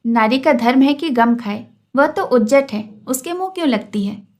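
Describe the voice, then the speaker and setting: A woman reading as a moralizing old village priest who chides a quarrelsome woman. The voice is high and gently reproachful in this read-aloud tale. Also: expressive, moderate pace.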